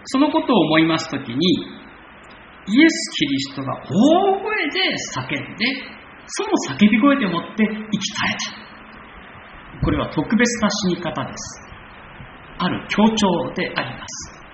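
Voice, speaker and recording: A man preaching a sermon in measured phrases that rise for emphasis. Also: sits high, wildly swooping pitch, reverberant, lo-fi sound, background noise. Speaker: pastor.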